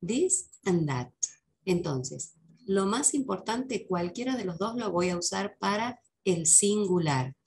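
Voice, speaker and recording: Unhurried woman teacher with gravelly voice. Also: mid-range voice, animated, a little mellow, slight background noise. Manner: patient, slows down to model English words. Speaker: English teacher. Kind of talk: lesson explaining English for Spanish speakers.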